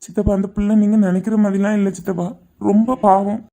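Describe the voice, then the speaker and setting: An earnest young man in love, played by a man, with a very dark, mellow tone. He pleads softly. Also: sits high, little pitch movement, fast.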